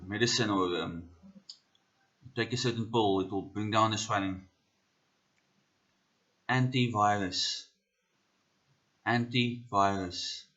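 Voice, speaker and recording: A man with a South African accent giving a pronunciation lesson. He says each word slowly three times and explains terms with pauses and fillers. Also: lowish voice, a bit bright, muffled recording. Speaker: pronunciation teacher.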